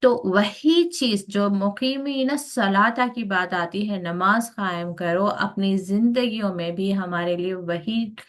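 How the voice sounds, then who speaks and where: A woman's voice: medium pitch, slow, hardly any pauses. A woman teaching a Quran lesson, explaining step by step and slipping English words into her speech. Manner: explains step by step with many fillers.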